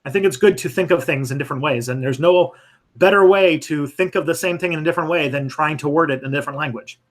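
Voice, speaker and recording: Fielding viewer questions on his history channel's live stream, a man responds in a thoughtful, halting way, full of fillers and restarts. He speaks fast, in a voice that's a little high.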